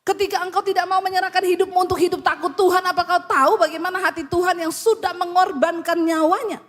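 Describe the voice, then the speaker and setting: A woman's voice: very high voice, steady tone, quick pace, in a large hall. A woman pastor preaching a sermon, blunt and scolding, telling stories from her counseling.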